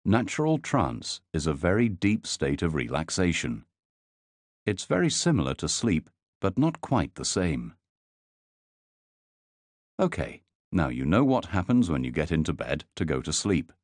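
Male hypnotist, very low voice with lively melody, dry close sound, soothing. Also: no echo. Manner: slow, soothing, measured delivery. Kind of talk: guided sleep hypnosis.

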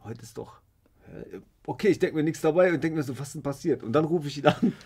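A man's voice: a little high, fast talker, darkish tone, husky. A man hosting a podcast in a studio, chatting casually, laughing a lot and dropping slangy interjections. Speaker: podcast host.

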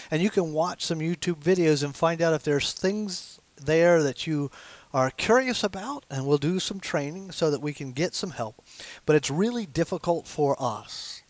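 A pastor in his sixties preaches from the pulpit of a small church sanctuary with stained glass windows, talking conversationally and gesturing as he speaks. His voice is on the high side, with no echo.

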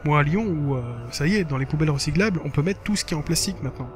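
A man's voice: a little high, very fast. A man giving casual commentary for a gaming video, rambling and correcting himself as he talks, with an occasional swear. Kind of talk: casual commentary while reading a blog aloud.

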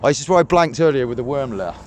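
Excitable young man chatting outdoors. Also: mid-range voice, very fast, slight background noise. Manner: excitable, rambling, lots of fillers. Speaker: angling vlogger. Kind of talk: casual chat to camera. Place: outdoors by a rural ditch.

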